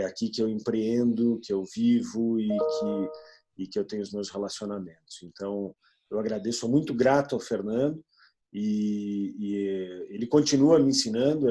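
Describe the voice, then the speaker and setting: A man in his forties from southern Brazil speaks haltingly in a video meeting, stopping often on fillers. His voice sits at a middling pitch, dark and mellow in tone, with a husky edge. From Rio Grande do Sul, Brazil. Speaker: business partner.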